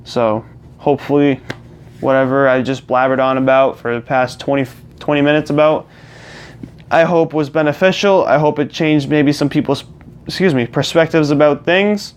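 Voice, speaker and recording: Young male channel host, slightly high voice, smooth and clear, rambling casual rant into his own mic. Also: fairly even intonation, normal speed. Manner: rambling, restarts and repeats himself. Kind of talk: casual ranting monologue. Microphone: personal mic.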